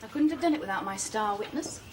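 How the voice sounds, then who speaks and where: A woman's voice: mid-range voice, animated, noisy background, natural voice. An actress playing a composed female police inspector who speaks firmly and measuredly in a British TV police drama. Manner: firm, measured, authoritative.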